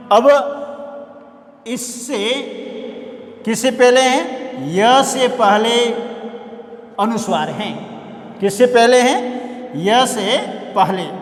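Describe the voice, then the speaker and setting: Male lecturer, slow and deliberate, repeats terms and quizzes students; echoey hall sound. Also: high voice. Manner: slow, repeats key words and asks the class questions. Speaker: college Hindi teacher. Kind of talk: classroom lecture on prosody. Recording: echoey room with long reverb.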